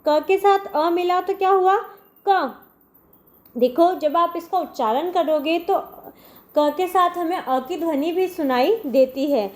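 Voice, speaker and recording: A woman's voice: extremely high pitch, slow pace. A woman teacher giving a primary school lesson to children, speaking patiently and spelling out sounds one by one. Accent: Indian Hindi. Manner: often says "dekho", addressing children.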